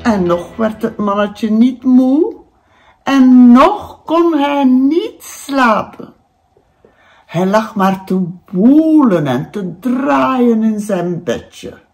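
An older woman, a grandmother, reading a bedtime story slowly and gently. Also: a little high, animated, soft background music.

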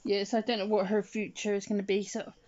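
A woman's voice: mid-range voice, level tone, fast, a little mellow. A woman with heavy, audible breathing, rambling casually and murmuring to herself as she works with her hands. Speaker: hobbyist doll vlogger. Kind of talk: casual rambling chat while dressing a doll. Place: indoors at home, hands-on beside a bed. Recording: slightly dull lo-fi phone sound.

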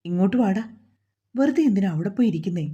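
A woman's voice: medium pitch, lively intonation, fast, mellow, husky, lo-fi sound. A woman voicing an anxious, loving middle-aged mother who soothes her daughter and prays in a pleading way. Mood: soothing, worried.

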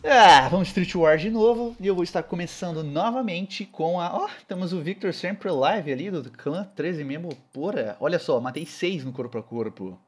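A young man with a Brazilian Portuguese accent giving casual, slangy commentary over his own gameplay, with excitable loud outbursts. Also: fairly high pitch, normal speed, hardly any pauses, slightly rough, faint music behind. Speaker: gaming channel host.

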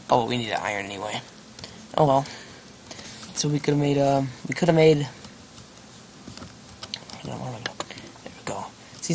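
A young man giving casual gameplay commentary, rambling and joking about himself, with lots of fillers. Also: mid-range voice. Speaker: gaming channel host. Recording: noisy home recording with keyboard clicks. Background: keyboard clicks and typing.

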